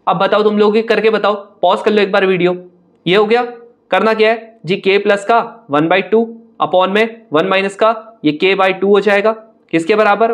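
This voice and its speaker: A young man with a high, bright-sounding voice talks a class through maths problems step by step. He chats straight at the students and brushes off hard-looking questions with a teasing laugh in his voice. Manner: brisk, chatty, addresses students directly, mocks hard-looking questions. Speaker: maths teacher. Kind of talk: online exam-prep lesson.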